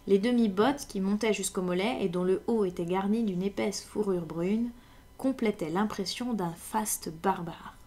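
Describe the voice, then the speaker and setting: A woman reading a classic detective story aloud in French, with measured, attentive narration. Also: mid-range voice. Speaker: audiobook reader.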